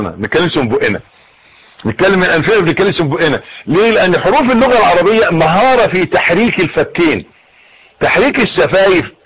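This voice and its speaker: A man with an Egyptian Arabic accent teaching how to pray, coaxing his listeners and demonstrating each step, with a husky voice. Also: high voice, a bit bright, low-quality recording. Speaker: religious teacher.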